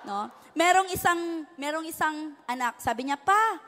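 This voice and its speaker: A woman from the Philippines delivers a sermon in a bright, high voice, hopping between English and local tongues. She keeps checking in with the congregation by ending lines on "no?". Her words ring out with a long church-hall reverb. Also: expressive, moderate pace, a little hiss or hum. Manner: tags nearly every phrase with a questioning "no?". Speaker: preacher.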